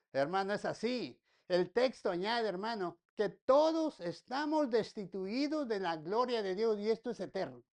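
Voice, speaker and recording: A woman's voice: mid-range voice, darkish tone. Woman pastor preaching. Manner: repeats phrases, asks the congregation rhetorical questions; folksy, joking asides. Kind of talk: sermon.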